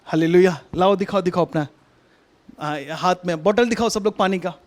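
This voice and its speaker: Very high-pitched male preacher. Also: normal speed. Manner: conversational, coaxing, repeats instructions. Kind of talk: online sermon with a hands-on demonstration. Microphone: video call.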